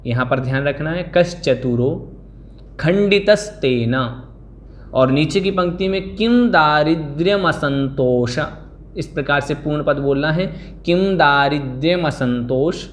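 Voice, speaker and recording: A man teaches an online class on scripture. He recites each verse line slowly, stretching out the syllables, and then explains the meaning in a measured lecturing manner. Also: a little high, a bit bright.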